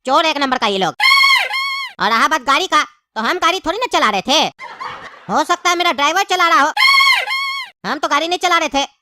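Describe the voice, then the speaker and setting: A woman's voice: sits high, animated, normal speed, long pauses, background noise. A woman voicing a young male accused in a comedy skit, pleading his innocence with evasive excuses.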